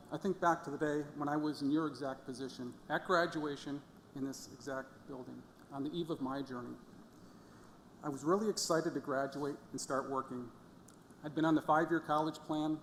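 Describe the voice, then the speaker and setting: Commencement speaker, middle-aged man, storytelling with playful asides, long hall reverb and faint room noise. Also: on the high side. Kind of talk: commencement speech. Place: large fieldhouse hall.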